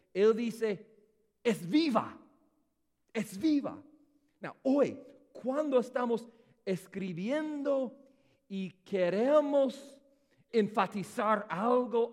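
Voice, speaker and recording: A man delivers a sermon in a high, lively voice that climbs and falls across each phrase. He speaks slowly and with emphasis, putting rhetorical questions straight to the congregation. His voice rings out with a long reverb, as in a large church hall. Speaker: preacher.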